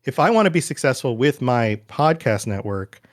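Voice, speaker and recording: A man chatting casually as a podcast guest, relaxed and talkative, often slipping into quoted asides. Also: medium pitch, moderate pace. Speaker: guest, podcast network founder. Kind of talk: casual interview chat.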